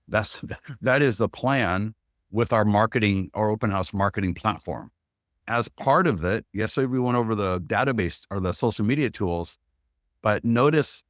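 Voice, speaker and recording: A man's voice: lowish voice, no echo, studio quality. A man presenting an instructional webinar, walking through steps as a checklist in an upbeat, practical way.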